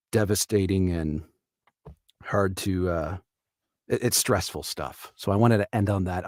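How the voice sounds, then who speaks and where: Man, live stream host, low voice, dry close sound, earnest and reflective, casual commentary. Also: no echo. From Canada. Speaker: livestream host.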